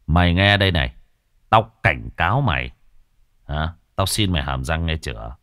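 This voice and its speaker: A man voicing a calm, commanding young exorcist who speaks sternly and without hurry. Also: low-pitched, no room sound, studio quality, pitched below the performer's own voice. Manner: stern, threatening, unhurried.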